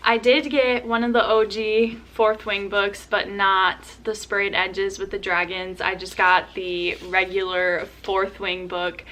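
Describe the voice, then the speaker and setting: A woman's voice: medium pitch, slow pace, hardly any pauses. Gushing young woman book vlogger. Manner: gushing, excitable. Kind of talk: casual vlog chat. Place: at home.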